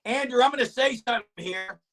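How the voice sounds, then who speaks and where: A man's voice: very high voice, fast, vocal fry, fairly bright tone. A man talking sports on an online call as co-host, his voice glitchy, robotic and cutting out, with an opinionated, argumentative manner. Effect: glitchy, robotic, cutting-out call audio. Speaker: co-host of a sports talk show. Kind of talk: casual sports talk.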